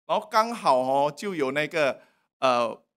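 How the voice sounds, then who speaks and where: Male preacher, sermon in church, animated, jumps from hushed to loud, quizzes the congregation, slightly high voice. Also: a little slow. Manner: animated, swinging between soft and loud, asking the congregation questions. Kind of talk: sermon with personal testimony. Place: church worship service.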